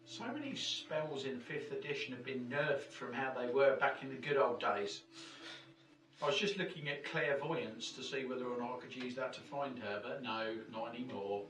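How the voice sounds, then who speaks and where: A man's voice: medium pitch, moderate pace, fairly bright tone, soft background music. A man chatting casually as a player in a tabletop game. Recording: echoey room, distant mic.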